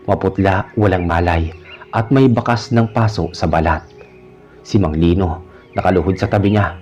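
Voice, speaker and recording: Brief: male horror narrator, mellow low voice, lo-fi with faint music. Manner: measured storytelling. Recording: dull lo-fi recording with faint music.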